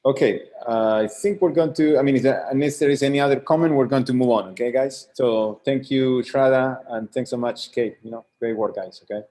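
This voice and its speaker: A man's voice: medium pitch, fairly quick, few pauses, warm tone. A man running an online student review, casually thanking people and moving to the next presenter. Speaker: studio advisor. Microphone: video call.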